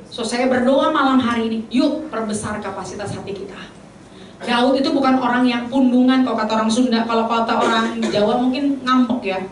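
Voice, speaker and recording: A woman preacher giving a lively sermon to a congregation, slipping into English phrases and short bursts of song. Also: a little high, a little hiss or hum. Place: church hall. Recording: very echoey hall from a distance.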